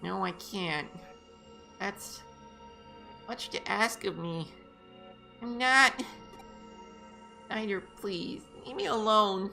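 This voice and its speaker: A man voicing a frightened, ghostly young cat spirit in a game, pleading in a high, strained voice. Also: very slow, creaky, pauses often, bright, forceful tone, faint music behind, heavily acted.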